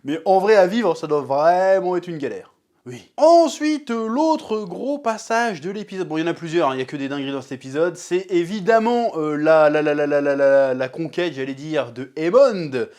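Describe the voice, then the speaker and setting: High-voiced man reviewing an episode. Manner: animated, slangy, acts out scenes with quick voices. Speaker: TV series reviewer.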